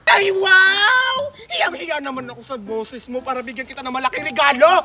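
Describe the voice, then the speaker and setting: Someone voicing a shrill bossy gift-giving auntie. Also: expressive, moderate pace, full character voice. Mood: mocking. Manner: scolding, shouting, blunt insults. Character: loud bossy woman handing out Christmas gifts. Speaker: gift giver.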